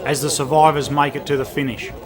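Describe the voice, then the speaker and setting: A man's voice: a little high, flat delivery, fast talker, a crowd in the background. A man reading a scripted, colloquial narration for a motorsport report. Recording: clear outdoor vehicle noise behind.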